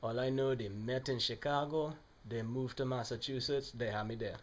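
A man's voice: medium pitch, steady tone, moderate pace, natural voice. A man acts out a Trinidadian alter ego for a comedy sketch. He is a plain-spoken man with a Trinidadian accent, answering interview questions bluntly and with some exasperation. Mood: mildly exasperated. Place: living room, on a sofa.

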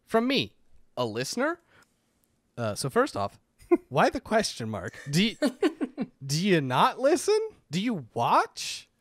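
Deadpan man reading listener letters. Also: high-pitched, slow, slightly rough, no echo. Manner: dry, deadpan, reads letters aloud. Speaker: podcast co-host. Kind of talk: casual chat.

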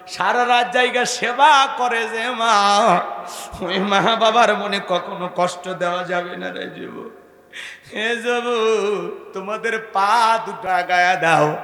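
Guy preaching in a singsong chant, slow and drawn out, big echoey reverb. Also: high-pitched. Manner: melodic chanted delivery, rising to shouts. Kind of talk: emotional sermon storytelling. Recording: echoey PA sound with long reverb.

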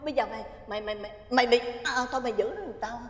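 An actress playing a panicked older aunt who stammers and orders people about. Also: female voice, on the high side, racing, natural voice. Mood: frantic. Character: frantic older aunt, flustered and bossy. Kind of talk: TV drama acting. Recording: roomy reverb.

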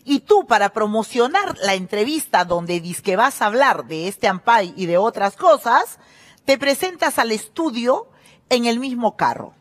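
Animated, scornful woman host. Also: on the high side, unhurried. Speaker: TV show host. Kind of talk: gossip show commentary.

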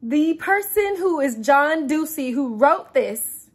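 A woman's voice: high-pitched, expressive, takes it slowly. A woman reviewing a movie on her channel, exasperated, swearing often and breaking into laughter.

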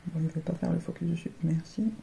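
A woman's voice: on the low side, steady tone, fast talker, gravelly, dark tone, slight background noise. A woman vlogger chatting casually while unboxing, often stumbling and repeating words. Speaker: beauty vlogger. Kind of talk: casual chat unboxing advent calendars.

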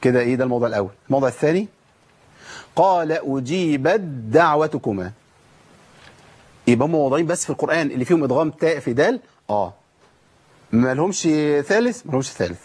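Fast, husky Egyptian recitation teacher. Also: male voice, mid-range voice, expressive, darkish tone. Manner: asks questions and answers them himself; demonstrates sounds by repeating them. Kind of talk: recitation rules lesson.

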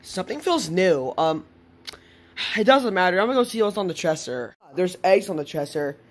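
A woman's voice: fairly low pitch, expressive, moderate pace. A woman hosting a plush toy show, chattily narrating her toy play and talking to herself. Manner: chatty, talks to herself while acting out play.

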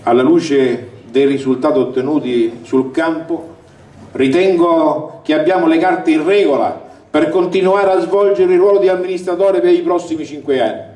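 An older man gives a declamatory, booming campaign speech from a balcony, reading with emphasis. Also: normal speed, darkish tone. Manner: declamatory, emphatic delivery to a crowd. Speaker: election candidate. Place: outdoor balcony over a town square at night. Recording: roomy, distant, noisy outdoor rally recording.

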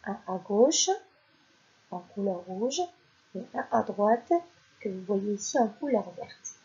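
Woman teacher for a kids' reading lesson, very slow and deliberate, mellow tone, dull lo-fi recording. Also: mid-range voice. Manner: slow, deliberate, sounding out syllables. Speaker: primary school teacher. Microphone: voice-over for slides.

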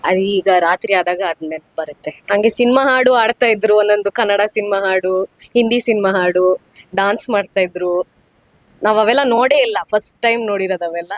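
Young woman chatting fast about family memories, mixes in english words, dry sound. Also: medium pitch, no room sound. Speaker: grandchild being interviewed. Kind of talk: casual interview reminiscence.

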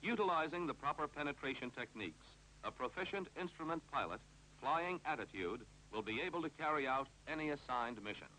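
Pitched fairly high, an American man's bright, forceful voice narrates a 1950s instructional film a little fast, with clipped authority and lively rises and falls on each instruction. The low-quality old soundtrack adds faint noise and hum.

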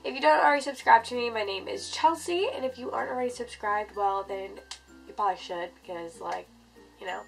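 A woman's voice: a little high, fairly quick, creaky, soft background music, low-quality recording. A woman in her twenties with a stuffy nose from a cold, chatting casually to camera like a beauty vlogger. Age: 20s. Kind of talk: casual skincare vlog talk to camera. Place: furnished bedroom, indoors.

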